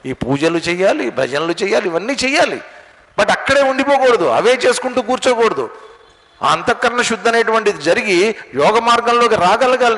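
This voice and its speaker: A spiritual teacher giving a religious discourse, telling stories and asking rhetorical questions. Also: male voice, high-pitched, fairly bright tone. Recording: long hall reverb.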